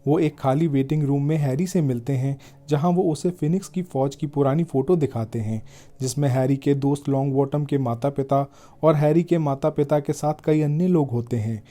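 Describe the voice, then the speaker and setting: A man narrating a film's story in a steady, scripted storytelling voice. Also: on the high side, moderate pace. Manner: steady, even storytelling delivery. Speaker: film recap narrator.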